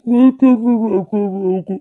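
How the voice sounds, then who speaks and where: A woman's voice: mid-range voice, steady tone, moderate pace, natural voice. A woman voicing a bride's parent in a cartoon, with a North Karnataka Kannada accent, speaking plainly. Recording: tinny phone-like audio.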